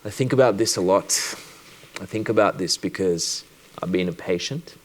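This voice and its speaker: In a rough recording, a low-voiced doctor from Sri Lanka delivers a personal talk at a conference. His manner is thoughtful and measured, with deliberate pauses.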